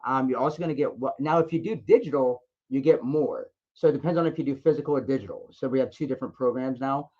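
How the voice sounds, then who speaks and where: Over a conference call line with dull lo-fi audio, a man leading a distributor sales call fields questions with encouragement, frequently repeating himself. He speaks at a medium pitch, talking fast with hardly any pauses.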